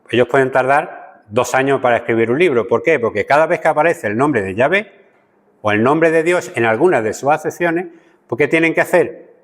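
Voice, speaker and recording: A man gives a conversational Bible study lesson, often stopping to check in with his listeners and restarting his sentences. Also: mid-range voice. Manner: conversational teaching, frequent "¿vale?" check-ins and restarts. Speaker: Bible teacher. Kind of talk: church Bible study lecture. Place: church hall. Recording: long church-hall reverb.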